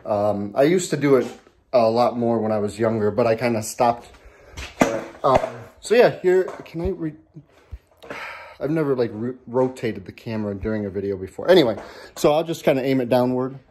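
A man's voice: mid-range voice, animated, moderate pace, darkish tone, a little hiss or hum. A man in a casual home vlog, talking from his garage into a handheld camera, rambling with lots of ums and restarts and a bit out of breath. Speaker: vlogger.

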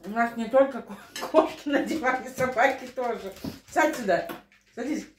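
Her voice leans high and her pace is moderate as this middle-aged mukbang vlogger talks casually while eating at home in a small living room. Recorded by a camera across the table, the roomy audio carries clinking dishes and cutlery plus a little hiss or hum.

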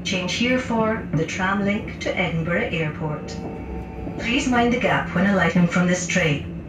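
Spliced together recorded train announcer lady, measured and formal, coming off a far echoey carriage speaker. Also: on the low side, expressive, over music. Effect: spliced together recorded words. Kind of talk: automated onboard announcements. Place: inside a moving train carriage. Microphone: train public address speaker captured from a distance. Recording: distant echoey train loudspeaker with noise.

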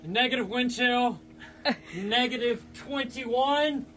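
A man out in a snowy yard, breathless from the cold, exclaiming in drawn-out bursts during casual challenge banter. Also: very high voice, pushed and bright. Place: outdoors in a snowy backyard. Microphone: phone camera a few meters away. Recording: noisy outdoor phone recording.

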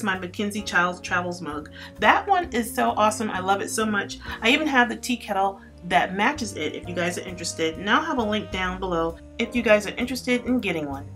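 A lifestyle vlogger from Florida narrates a voice-over tour, chatting upbeat to her viewers and calling them "you guys." Her mid-range voice is a bit bright.

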